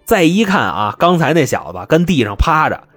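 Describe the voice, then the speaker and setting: A man's voice: on the high side, big pitch swings, normal speed, a bit bright, husky, faint music behind. A man telling a comic crime story as host, chatty, wry and colloquial.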